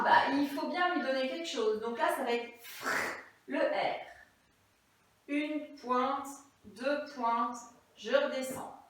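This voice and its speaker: A woman teaching young children remotely, playful and sing-song, telling little stories to explain spelling. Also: high-pitched. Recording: very echoey room, far from mic.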